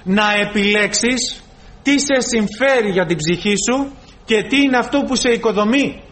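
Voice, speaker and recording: A male preacher giving a dramatic sermon, quoting scripture and acting out dialogues between God and people. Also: high voice. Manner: dramatic, quotes and acts out dialogue, swings loud to soft.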